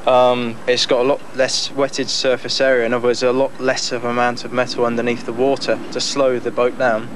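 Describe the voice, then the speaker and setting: A young man speaking casually in an interview outdoors on a boat deck, relaxed and chatty, with frequent fillers and laughs. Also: mid-range voice, a little fast, few pauses. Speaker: amateur boat builder. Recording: noisy outdoor 1990s news tape.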